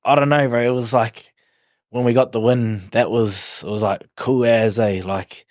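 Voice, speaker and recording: A man's voice: mid-range voice, steady tone, moderate pace, no echo, clean studio sound. A man in his twenties with a broad New Zealand accent, chatting casually in an interview in a laid-back, slangy, hesitant way. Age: 20s. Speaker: rugby league player, podcast guest.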